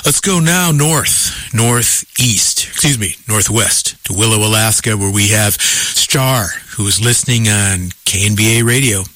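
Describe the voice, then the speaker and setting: A man hosting a live call-in radio show with a smooth radio host manner, calmly introducing callers and passing questions to a guest over a studio microphone. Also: lowish voice, measured pace, few pauses, no room sound.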